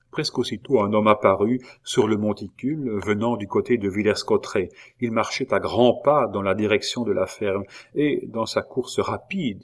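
A man reading a novel aloud as an audiobook narrator, with measured, dramatic delivery. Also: fairly low pitch. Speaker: audiobook reader. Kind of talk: scripted narration.

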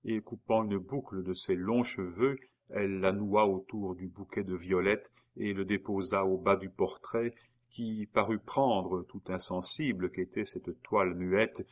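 A man narrating a novel aloud in a measured, hushed way. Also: sits low, steady tone. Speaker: audiobook narrator.

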